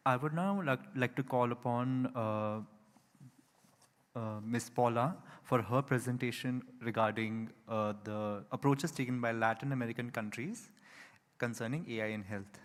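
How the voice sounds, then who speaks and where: Polite male moderator in a reverberant hall. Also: mid-range voice. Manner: polite, formal. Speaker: panel moderator. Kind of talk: formal introductions.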